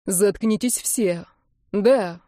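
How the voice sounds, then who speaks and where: A woman reading the part of a tough young man who snaps and shouts angry demands. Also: mid-range voice, measured pace, dry recording, clean studio sound, close to an everyday voice. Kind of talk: audiobook character reading.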